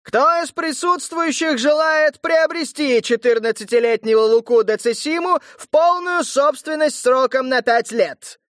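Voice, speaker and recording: A man voicing a male court herald who bellows proclamations in a shrill, ringing voice. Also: measured pace, hardly any pauses, fairly bright tone, dry recording, studio quality. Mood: shrieking. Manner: shrieking, booming proclamations.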